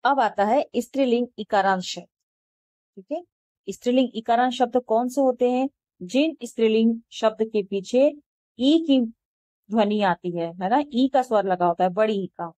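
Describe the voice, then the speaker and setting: A woman teaching a language lesson, saying each word slowly and then translating it. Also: on the high side, dark tone, dry recording. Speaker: Sanskrit teacher. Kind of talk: slow classroom explanation.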